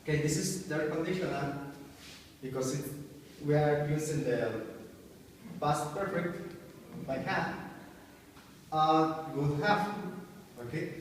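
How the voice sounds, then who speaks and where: A man slowly explaining grammar to a class, pausing and restarting often. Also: a little high, far from the mic, slight background noise. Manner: slow, halting, many restarts. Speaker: student presenter. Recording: echoey room recorded from afar.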